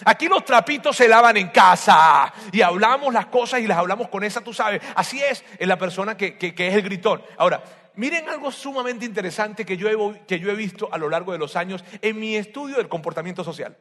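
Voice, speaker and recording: A man with a high voice preaches a sermon on family life in a large hall, and his words trail off in a long reverb. He speaks in an animated way, repeating phrases for emphasis. He moves from loud bursts to soft, close asides. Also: fairly quick.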